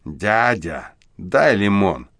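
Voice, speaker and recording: A man voicing a cheeky, sly homeless boy with a thin, husky voice, in an audiobook. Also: lowish voice, very animated, very slow, a bit bright, no echo, exaggerated voice. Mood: brash. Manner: whines and pleads when caught.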